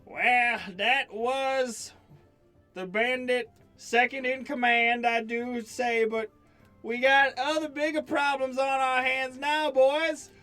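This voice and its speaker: A man voicing a folksy, bossy old mayor with a high drawl. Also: fairly even intonation, takes it slowly, sharp tone, smooth, soft background music, full character voice. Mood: urgent.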